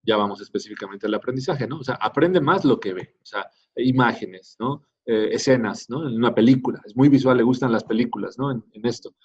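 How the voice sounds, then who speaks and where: A male teacher speaks a little fast with few pauses, his medium-pitched voice darkish and slightly rough. His classroom lecture is conversational and full of "¿no?" tags to check in with students, captured in dull lo-fi sound.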